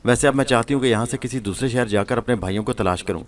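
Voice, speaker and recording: A man's voice: medium pitch, close to an everyday voice. Guy reading as a cheeky invisible ghost girl, amused, teasing. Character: mischievous invisible female spirit, playful.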